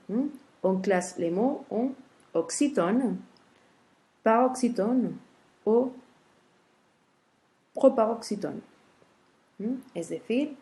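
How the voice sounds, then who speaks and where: A Spanish teacher, a woman with a medium-pitched voice, gives a grammar lesson in French. She speaks slowly and carefully, leaving lots of soft "hmm" pauses between each step.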